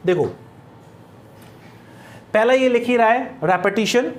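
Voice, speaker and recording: A man's voice: very high-pitched, slow pace. A male English grammar teacher giving a lesson, repeating key points, posing questions and answering them himself, and dictating example sentences word by word. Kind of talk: classroom-style grammar lesson.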